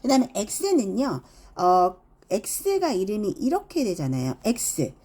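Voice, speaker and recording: A woman's voice: medium pitch, wildly swooping pitch, slow, dark tone. A middle-aged woman teaching English phonics, demonstrating each sound with exaggerated examples. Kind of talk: phonics lesson.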